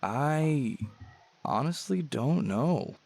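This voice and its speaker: An actor voicing a good-natured, easygoing young man who speaks in a relaxed, friendly way. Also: on the high side, drawn-out words, creaky, slight background noise, exaggerated voice. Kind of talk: game voice acting.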